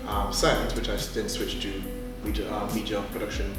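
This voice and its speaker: A man who grew up in the Caribbean, a student telling his experiences in an interview in an animated way. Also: lowish voice, moderate pace. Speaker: media production student interviewee. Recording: echoey room, distant mic, music behind.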